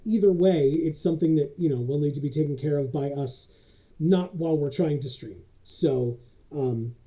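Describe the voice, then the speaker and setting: A man streaming live, chatting casually and haltingly with many fillers, his voice muffled as if he is talking through a tube. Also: fairly high pitch, dark tone. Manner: rambling, halting, many fillers and self-corrections. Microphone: built-in USB camera microphone. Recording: dull lo-fi USB camera microphone.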